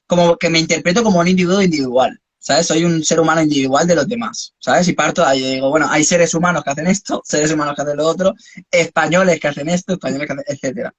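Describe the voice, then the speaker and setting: A man's voice: on the high side, fast, no room sound. Musing man with a dry sound. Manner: philosophical, musing, speaks in long spiritual reflections. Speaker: host. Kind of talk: reflective conversation.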